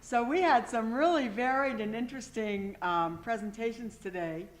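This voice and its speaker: A woman's voice: a little high, moderate pace, slight background noise. A woman organizing a museum event, announcing the awards with enthusiastic praise and many fillers. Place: museum event hall with an audience.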